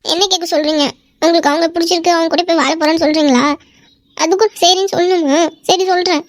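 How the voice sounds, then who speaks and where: A woman's voice: very high-pitched, fairly even intonation, quick pace. A woman voicing a jealous, tearful young wife. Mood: tearful, hurt. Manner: tearful and pleading, then sharp and possessive. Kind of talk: amateur cartoon voice acting.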